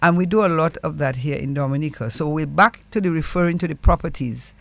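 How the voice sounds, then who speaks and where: A man's voice: on the high side, fast, gravelly, no room sound. A man with a Caribbean accent giving earnest, urging advice straight to listeners in a panel interview.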